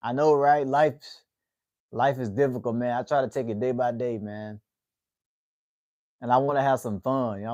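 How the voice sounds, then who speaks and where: Here a US livestreamer in his twenties, with a mid-range, darkish voice, hangs out with viewers in an easygoing way and keeps adding "man" to the end of phrases. There's no echo, but the audio sounds dull.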